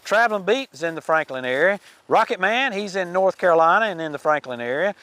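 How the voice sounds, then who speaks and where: A man's voice: sits high, expressive, fast talker, bright, forceful tone. A man hosting a podcast, giving a chatty, folksy update on hikers with casual fillers and restarts. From United States. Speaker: podcast host.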